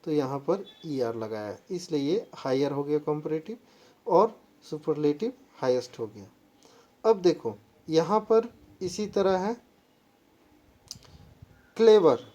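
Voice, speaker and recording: A woman's voice: low-pitched, expressive, warm tone. A woman teaching English grammar in a lesson, mixing Hindi and English and spelling words out letter by letter. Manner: slow, halting delivery when reading English rules. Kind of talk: classroom-style lesson explanation.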